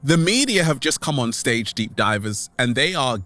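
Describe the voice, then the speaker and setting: A man speaks in a mid-range, sing-song voice with a bright, forceful tone as faint music plays behind him. Hosting a vlog, he delivers a playful, theatrical motivational monologue to online followers, leaning on catchphrases and elongated words.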